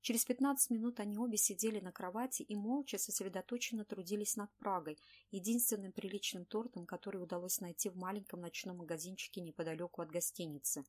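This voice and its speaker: Woman reading an audiobook, measured. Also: mid-range voice, fairly even intonation, darkish tone. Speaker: audiobook narrator. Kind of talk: audiobook narration.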